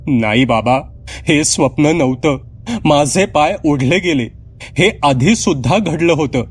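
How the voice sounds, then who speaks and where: A man's voice: mid-range voice, moderate pace, pitched above the performer's own voice, lightly acted. A man voicing a frightened young girl who insists she saw something in her room, speaking in a pleading, panicky way.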